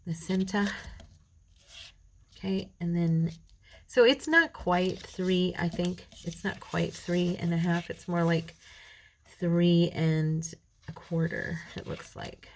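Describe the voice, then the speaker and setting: This craft channel host, a weary middle-aged woman, talks chattily to viewers while working on a tutorial and mutters quietly to herself. Her gravelly voice is lowish and slow. A little hiss or hum runs through the audio of this casual crafting chat.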